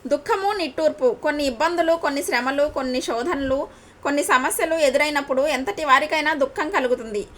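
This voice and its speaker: A woman's voice: sits high, brisk. A woman from India preaching a devotional sermon, earnest and repeating her questions for emphasis.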